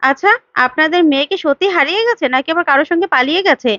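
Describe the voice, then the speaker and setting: A woman's voice: high-pitched, rapid-fire, a bit bright, dry recording, highs cut off. A woman voicing a blunt police constable who asks suspicious questions. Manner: blunt, insinuating.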